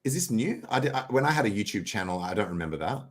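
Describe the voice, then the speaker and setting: Guy with a lowish voice, guest on a stream, swears a lot, restarts sentences, sounds like a video call. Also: expressive, racing, fairly bright tone. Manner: loose and profane, with laughs and restarts. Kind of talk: casual livestream chat.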